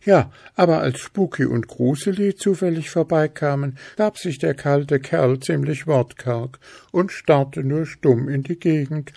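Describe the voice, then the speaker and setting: A man's voice: a little high, a little slow, vocal fry, hardly any pauses, warm tone, no echo, studio quality, pitched above the performer's own voice. A man doing eager little rabbit kids.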